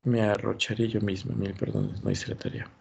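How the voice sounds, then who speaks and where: A man's voice: fairly low pitch, big pitch swings, normal speed, vocal fry, a little mellow, slight background noise. A man teaching an online class, thinking aloud and encouraging as he reviews students' work. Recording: dull lo-fi sound.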